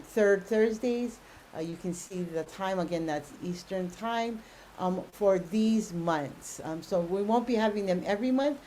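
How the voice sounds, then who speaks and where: A woman's voice: medium pitch, mellow, a little hiss or hum, poor audio. A woman hosting an online webinar for grantees, explaining upcoming events with many fillers. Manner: many fillers, friendly and informative.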